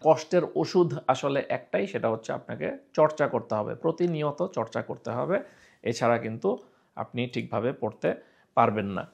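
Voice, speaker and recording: Gravelly-voiced man teaching Quran pronunciation. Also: medium pitch, highs cut off. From Bangladesh. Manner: repeats sounds slowly for drill, asks and answers own questions. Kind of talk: explaining pronunciation with recited examples.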